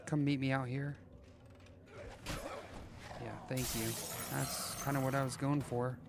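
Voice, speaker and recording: A man's voice: mid-range voice, level tone, measured pace, vocal fry, very noisy. A man chatting casually while live-streaming a game, rambling and joking as he thinks aloud, often restarting his sentences.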